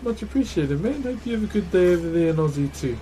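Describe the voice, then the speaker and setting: On a livestream, a man with a broad New Zealand accent chats casually while he works, laid-back, slangy and matey. His voice is high and mellow, with lively intonation and a quick pace.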